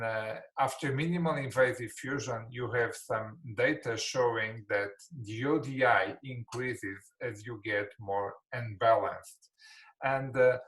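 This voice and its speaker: Portuguese-accented male surgeon, non-native speaker, halting webinar lecture with many fillers, video-call mic. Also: medium pitch, fairly bright tone, poor audio. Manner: hesitant, many fillers and restarts. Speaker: spine surgeon.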